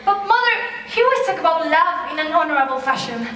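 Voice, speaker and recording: A woman's voice: extremely high pitch, big pitch swings, fast talker, pushed and bright, heavily acted. A woman playing an earnest, lovestruck young daughter who protests innocently in a comic stage play. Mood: pleading. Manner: pleading, defensive. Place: theater stage, indoors. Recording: very echoey theater stage, distant mic.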